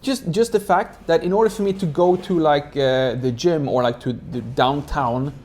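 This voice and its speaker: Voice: medium pitch, moderate pace, darkish tone, a little hiss or hum. A speaker who grew up in Sweden, chatting casually and rambling with lots of "like" fillers. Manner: rambling, heavy use of "like" fillers. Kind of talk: casual chat.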